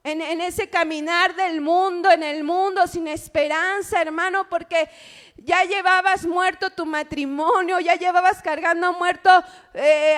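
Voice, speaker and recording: A woman's voice: extremely high pitch, fairly bright tone. A woman preaching an impassioned sermon in a church, often calling the congregation "brother" and asking them rhetorical questions. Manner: impassioned, keeps addressing the congregation as "hermano"; asks the listeners rhetorical questions.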